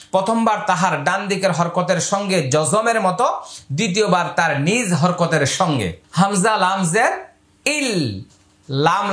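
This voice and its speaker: A man's voice: sits high, a bit bright. Patient male Quran teacher, echoey room. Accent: Bangladeshi Bengali. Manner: spells letters and vowel marks, then drawls the words slowly. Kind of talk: step-by-step recitation lesson.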